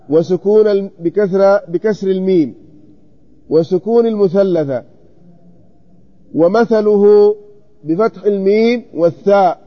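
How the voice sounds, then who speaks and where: A man teaching grammar in a classroom, questioning students and repeating word forms slowly. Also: high voice, highs cut off. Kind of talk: classroom text study.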